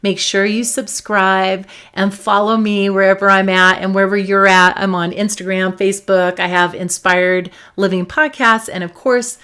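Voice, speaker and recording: A woman's voice: mid-range voice, little pitch movement, moderate pace, hardly any pauses, smooth. Emphatic woman psychologist talking to camera. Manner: warm, emphatic, repeats key points. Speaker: psychologist and host. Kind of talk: talk to camera on emotions.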